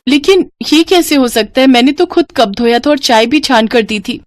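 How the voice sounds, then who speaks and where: A woman voicing a meek, gentle young daughter-in-law in a storybook tale, soft and pleading. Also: high-pitched, animated, normal speed, a little hiss or hum, pitched above the performer's own voice. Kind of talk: storybook voice acting.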